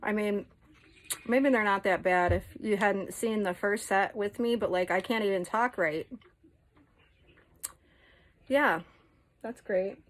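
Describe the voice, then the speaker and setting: A woman's voice: mid-range voice, slow pace, pauses often, poor audio. Female vlogger, casual show-and-tell delivery, chatty and blunt, drops the odd swear.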